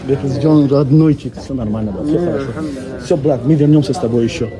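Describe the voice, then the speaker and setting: A man's voice: mid-range voice, quick pace. A man doing casual post-fight interviews in a chummy, encouraging way. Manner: chummy, encouraging, frequently calls people brother. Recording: crowd noise in busy venue. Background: crowd chatter.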